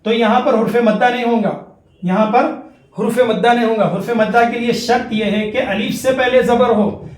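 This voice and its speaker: A man teaching a tajweed lesson. He repeats each rule and chants the example syllables slowly. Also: very high-pitched, echoey room. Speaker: Quran recitation teacher. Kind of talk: tajweed lesson with slow drawn-out recitation examples.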